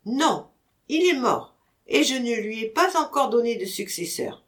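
A woman reading a storybook audiobook, voicing a witty gentleman master who teases his servant in mock-stern banter. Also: a little high, expressive, measured pace. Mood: teasing.

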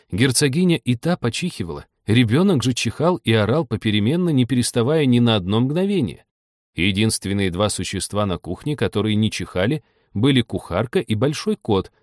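A man reading a storybook aloud in steady scripted narration. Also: lowish voice, fairly quick, no room sound, clean studio sound. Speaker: audiobook narrator.

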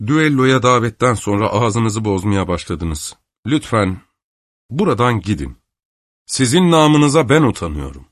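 A man reading a proud, cold gentleman who answers in a haughty, clipped way, in an audiobook. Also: on the low side, normal speed, no room sound, clean studio sound, lightly acted. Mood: contemptuous.

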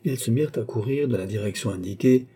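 A man narrates a classic novel in a measured, storytelling manner. His voice is very dark and mellow, with a husky edge, and sits in a middle pitch range. It sounds like an audiobook reading. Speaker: audiobook reader. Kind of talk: scripted literary narration.

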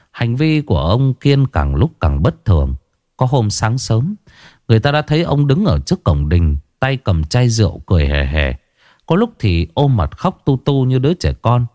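A man's voice: on the low side, a little mellow, no room sound, studio quality. A man narrating a ghost story in a dramatic storytelling manner.

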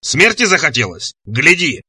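A man voicing a huge, boastful scaly monster that roars its lines slowly and menacingly. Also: on the high side, very animated, husky, no echo, exaggerated voice. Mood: roaring. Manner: roaring, loud, slow and menacing.

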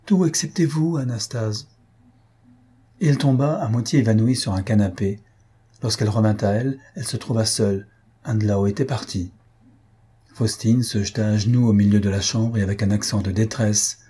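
A man narrating a classic novel in a steady, measured reading. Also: lowish voice, breathy edge. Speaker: audiobook narrator.

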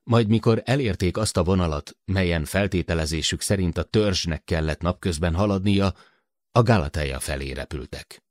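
A man narrating a science fiction audiobook, expressive and measured. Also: low-pitched, dry recording, studio quality. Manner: expressive storytelling.

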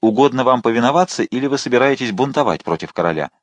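Cold, curt royal officer read by a male narrator, low and soft-spoken, dry recording. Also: expressive, quick pace, no room sound, close to an everyday voice. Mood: stern. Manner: quiet, curt, commanding. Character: cool stern royal police officer, man.

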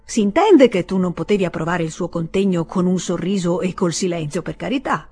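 A woman reader voicing a composed elder brother who talks in an ironic, patronizing and calmly reasoning way. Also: on the low side, brisk, breathy edge, soft background music. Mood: lecturing.

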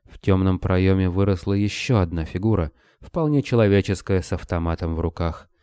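A man narrating an audiobook in a steady, measured reading. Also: low voice, clean tone, no room sound.

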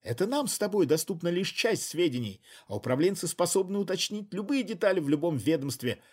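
A man voicing a hysterical, scheming middle-aged woman who shouts her accusations in a high, shrill voice. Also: big pitch swings, a little fast, slightly rough, full character voice. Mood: anxious.

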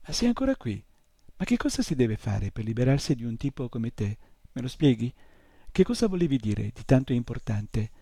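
Brief: cranky old bookseller, mocking and gruff, low mellow tone, read by a man. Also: sing-song, normal speed, no echo, clean studio sound. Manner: grumbling, sarcastic.

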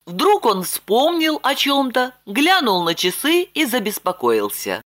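A woman reads an audiobook aloud in a lively, expressive style. Her voice is high and moves animatedly through each sentence. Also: unhurried. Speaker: audiobook narrator. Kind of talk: scripted narration.

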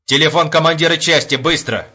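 A man's voice: mid-range voice, normal speed, bright, forceful tone, breathy edge, highs cut off. A man voicing a furious, foul-mouthed army major who barks orders in an audiobook. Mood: angry. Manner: barking, commanding.

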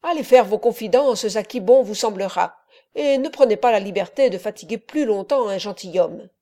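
A man's voice: high voice, expressive, moderate pace, warm tone. A woman reading a haughty nobleman in an audiobook, contemptuous and dismissive. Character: arrogant haughty male nobleman.

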